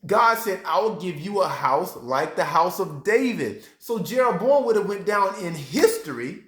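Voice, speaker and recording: A man preaching a sermon with a high voice that leaps and dips as he talks to his congregation. He acts out reactions and breaks into sudden high exclamations. The sound carries a roomy echo. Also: expressive, unhurried, a bit bright. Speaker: pastor.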